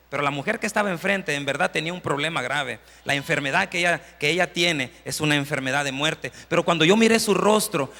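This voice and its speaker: A man preaching a sermon, acting out quoted prayers and building to impassioned shouting. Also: high voice, vocal fry. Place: church hall. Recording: long hall reverb.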